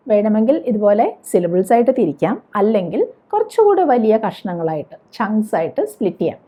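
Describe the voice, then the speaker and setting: A woman's voice: mid-range voice, breathy edge. A woman teaching spoken English, explaining patiently, spelling words out letter by letter and asking the viewer questions. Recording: dull lo-fi recording.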